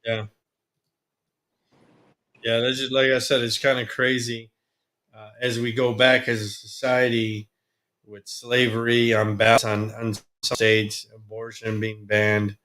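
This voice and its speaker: A man with a bright, forceful voice, talking loosely in a casual chat. He co-hosts the show and rambles, often trailing off mid-thought. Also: medium pitch, flat delivery, a little slow, long pauses, slight background noise. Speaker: podcast co-host.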